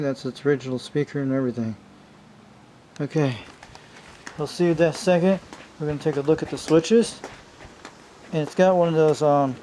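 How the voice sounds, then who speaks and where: Warm and fairly high-pitched, this man's voice carries a relaxed, rambling show-and-tell of a vintage CB radio. He chats informally with viewers, calling them "you guys," and the amateur home video is noisy.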